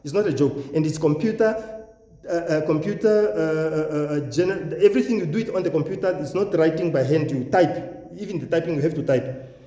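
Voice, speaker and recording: Namibian man, mellow voice in echoey room. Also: fairly high pitch, brisk. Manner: boastful, self-assured, repeats phrases for emphasis. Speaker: YouTube channel host, education agent and English test coach. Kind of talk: informal promotional talk to viewers.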